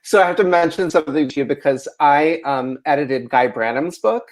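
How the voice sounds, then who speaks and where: An American man from rural Ohio runs a casual interview, rambling and hedging through his questions with plenty of "like" and "you know." His voice sits fairly high and moves fairly quickly.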